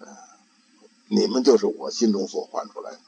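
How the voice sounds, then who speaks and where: An older man and grandfather giving an informal Buddhist talk, slow and halting, often repeating words while he searches for them. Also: on the low side, gravelly, mellow, highs cut off, slight background noise.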